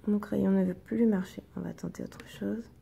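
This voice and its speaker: A woman teacher, slowly and patiently guiding young children through reading exercises and sounding out each syllable. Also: medium pitch, steady tone, gravelly, warm tone, slight background noise.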